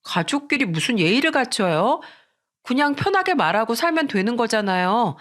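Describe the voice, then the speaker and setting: A woman's voice: fairly high pitch, big pitch swings, moderate pace, a bit bright. A woman reading the part of a blunt, rude young sister-in-law who talks back in a storybook drama. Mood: defiant.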